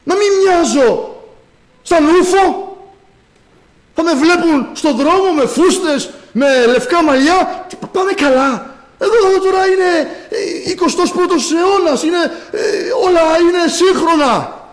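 A preacher voicing a smug, carefree worldly churchgoer in a mocking sing-song with laughing asides. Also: male voice, very high-pitched, pitched above the performer's own voice, low-quality recording. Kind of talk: sermon parody.

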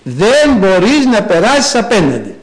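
Animated preacher man. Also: rough recording. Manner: animated storytelling with sudden high bursts. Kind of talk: sermon.

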